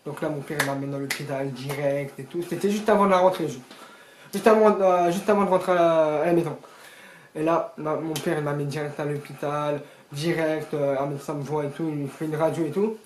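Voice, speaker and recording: A teenage boy casually telling a storytime vlog, rambling and animated with joking asides to viewers. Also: a little high, a little fast, a little hiss or hum. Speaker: storyteller vlogger. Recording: echoey room.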